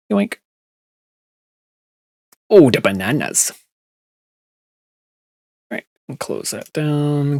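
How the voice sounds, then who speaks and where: A man's voice: medium pitch, vocal fry, a little mellow, no echo, studio quality. A man chatting casually to his viewers while playing a game live, musing aloud as he goes. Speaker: streamer. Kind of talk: casual gameplay commentary.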